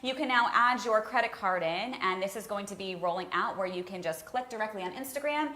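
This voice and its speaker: A woman's voice: mid-range voice, sharp tone. Roomy-sounding woman hosting a live show. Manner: brisk, promotional, reads social media news. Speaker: host.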